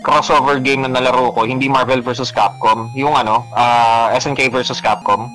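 A man's voice: medium pitch, fairly even intonation, moderate pace, bright, forceful tone, faint music behind, rough recording. Rambling man chatting about games. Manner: rambling, lots of filler words, mixes English into Tagalog. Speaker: podcast co-host. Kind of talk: casual chat about video games.

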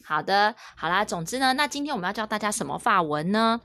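A woman's voice: medium pitch, expressive, pushed and bright. Patient woman coaching a child's French. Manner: patient, coaxing, repeats words slowly and clearly; switches between Chinese, French and English. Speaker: French teacher and mother. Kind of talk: casual French lesson with her young daughter.

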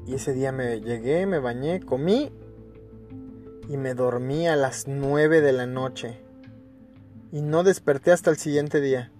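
A man's voice: medium pitch, measured pace, long pauses, darkish tone, soft background music. A man with a Mexican accent, hosting a podcast and telling a personal story in a casual, crude, emphatic way, full of fillers and stumbles. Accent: Mexican Spanish. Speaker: podcast host.

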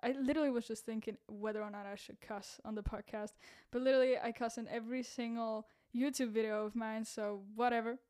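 A woman's voice: fairly high pitch, fairly even intonation, a little fast, few pauses, darkish tone. Chatty young-sounding woman podcaster, cracky voice. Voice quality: voice cracks, a bit rough. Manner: rambling, self-deprecating, laughs at own jokes. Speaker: podcast host and content creator. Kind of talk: casual solo podcast chat.

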